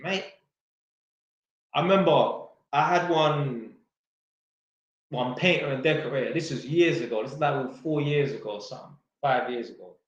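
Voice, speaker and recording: A man whose voice sits a little high reads viewer questions aloud and fires back blunt answers, joking and swearing freely in casual slang. The room echoes heavily, and the upper frequencies are cut off.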